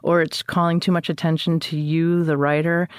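A woman's voice: low-pitched, flat delivery, normal speed, clean tone, dry recording, clean studio sound. A woman talking casually as an interview guest, blunt and opinionated, often acting out imagined remarks.

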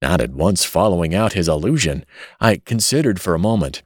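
Deep-voiced man narrating a classic story. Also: big pitch swings, brisk, no echo, studio quality. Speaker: audiobook narrator. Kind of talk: first-person story narration.

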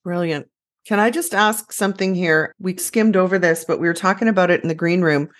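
A woman's voice: lowish voice, a little fast. A woman co-hosting an interview podcast, asking a guest playful questions. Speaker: podcast co-host.

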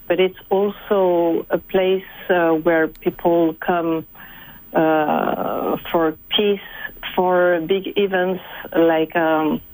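Halting, slow-spoken Frenchwoman, a shaken witness. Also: on the low side, darkish tone, no echo, poor audio. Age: 40s. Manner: halting, searching for English words. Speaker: eyewitness being interviewed. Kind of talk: live radio interview.

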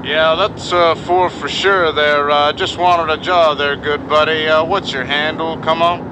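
An actor playing a cryptic trucker who talks in heavy CB slang, heard over a CB radio. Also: male voice, fairly high pitch, flat delivery, unhurried. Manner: heavy CB trucker slang, ends turns with "come on". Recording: CB radio voice with loud engine noise.

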